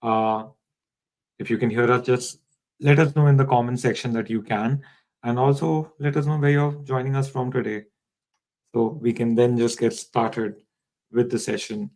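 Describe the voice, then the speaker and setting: A man's voice: mid-range voice, steady tone, normal speed, darkish tone, low-quality recording. A man hosting a live online session, welcoming viewers and reading out their comments over a video call. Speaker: live-stream host.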